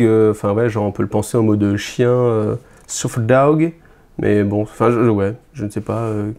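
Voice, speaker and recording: Man reviewing a gaming book off the cuff, soft dark tone, halting and chatty. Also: medium pitch. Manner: hesitant, many fillers and restarts, chatty asides to viewers. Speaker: YouTube host reviewing a wargame codex. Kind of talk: casual unscripted review.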